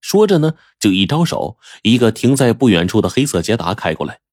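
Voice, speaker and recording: A man narrating a crime story in a lively, dramatic storytelling manner. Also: fairly low pitch, brisk, no echo, studio quality.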